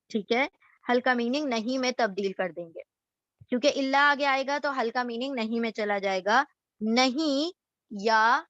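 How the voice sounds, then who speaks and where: A woman's voice: a little high, a bit bright, no echo, muffled recording. A woman giving a Quran lesson word by word, repeating each gloss and asking questions as she explains.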